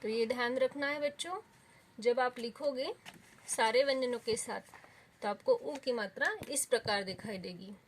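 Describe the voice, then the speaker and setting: A woman teaching young children, speaking slowly and patiently and sounding out each syllable. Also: on the high side, a little hiss or hum. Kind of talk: children's lesson.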